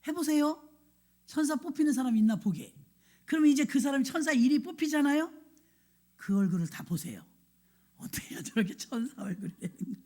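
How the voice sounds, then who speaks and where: A woman's voice: high voice, expressive, brisk, pauses often, warm tone. A middle-aged woman pastor preaching a sermon, telling stories and acting out the dialogue with frequent laughs.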